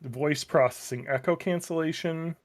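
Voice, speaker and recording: A man talking casually through a mic with uneven automatic gain control, his level jumping up and down as he rambles and troubleshoots out loud. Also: a little high, normal speed. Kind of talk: casual tech setup chat. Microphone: desk microphone through an audio interface.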